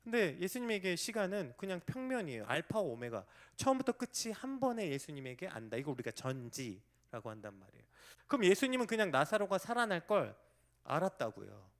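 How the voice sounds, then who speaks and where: Emphatic male pastor with lively pitch. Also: a little fast. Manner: swings from hushed near-whispers to loud emphatic outbursts; acts out quoted voices with sudden high pitch. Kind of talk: sermon.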